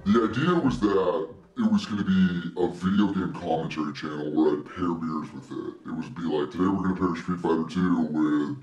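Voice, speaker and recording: A man talking casually in an interview clip, disguised with a pitched-down monster voice filter. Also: normal speed, a little mellow, recorded from a distance. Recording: roomy playback from computer speakers.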